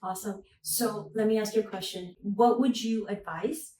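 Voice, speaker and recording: A woman's voice: medium pitch, steady tone, moderate pace, warm tone. Upbeat woman podcast host in an echoey venue. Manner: upbeat, encouraging, asks leading questions. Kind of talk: casual interview at a conference. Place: busy conference venue. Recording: echoey, far from the mic, faint background noise.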